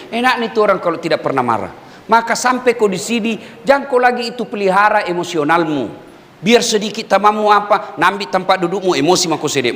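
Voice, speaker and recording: Lively high-voiced Makassar preacher. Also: male voice. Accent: Makassar Indonesian. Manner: lively, jumps between loud emphasis and low asides, acts out dialogue. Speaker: Islamic preacher. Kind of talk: humorous sermon to prison inmates. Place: prison hall. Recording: hall reverb.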